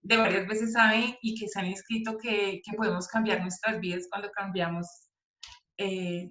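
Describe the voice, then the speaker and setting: A woman coach announces a workshop in a bright, sharp voice. Her words echo around the room. She pauses on fillers and restarts her sentences. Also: medium pitch, lo-fi sound. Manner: hesitant, many fillers. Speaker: guest speaker and coach. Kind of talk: casual event announcement.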